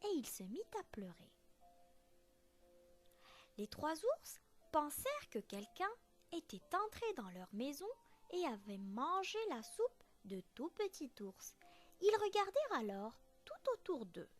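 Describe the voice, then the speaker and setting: A woman teacher reading a children's story aloud in a slow, expressive storytelling voice. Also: sits high, soft background music.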